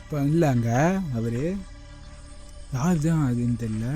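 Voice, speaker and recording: A man's voice: medium pitch, a little slow, warm tone, soft background music. A man giving reaction commentary, exclaiming often to his viewers. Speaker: video reactor.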